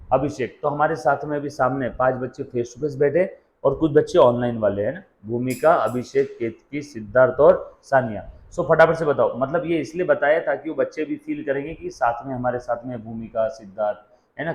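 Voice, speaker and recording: A man teaching a commerce class, putting questions to his students and answering them himself. He mixes Hindi with English phrases, calls the students "beta" and dictates definitions slowly, word by word. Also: mid-range voice, echoey room, rough recording. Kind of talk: classroom lecture.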